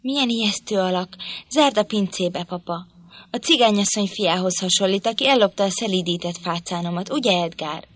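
A woman's voice: medium pitch, close to an everyday voice. Spoiled young girl, frightened and whiny, voiced by a woman.

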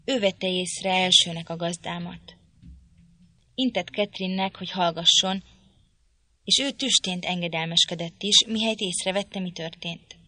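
A woman narrating a literary audiobook in a measured, even storytelling manner. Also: fairly low pitch. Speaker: audiobook reader.

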